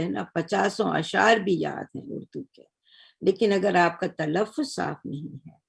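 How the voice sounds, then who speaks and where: An older woman giving a lecture on Urdu, explaining patiently and measured, often checking in with her listeners. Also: fairly low pitch, gravelly, darkish tone, husky. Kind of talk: recorded lecture.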